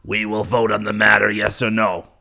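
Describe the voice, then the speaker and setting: A man's voice: fairly low pitch, little pitch movement, moderate pace, vocal fry, sharp tone, exaggerated voice. A man voicing a curt, commanding male Gnome King in a storybook reading. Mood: gruff.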